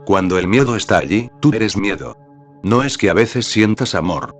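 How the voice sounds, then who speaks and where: Man, very low voice, calm measured spiritual narration, soft music underneath. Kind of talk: scripted narration of a spiritual talk. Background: faint background music.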